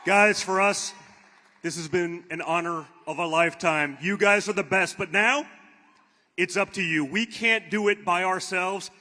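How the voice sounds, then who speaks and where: A man's voice: high voice, a little slow. An American man giving an emphatic, exhorting rally speech to a large venue. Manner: emphatic, exhorting, building to shouted slogans. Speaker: speaker at a political rally. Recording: echoing large venue, faint crowd noise.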